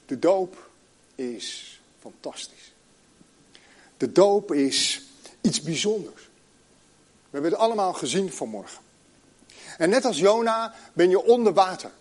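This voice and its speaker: A middle-aged man preaching a sermon, telling a story and reading scripture slowly with long pauses. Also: high voice, expressive, a little mellow.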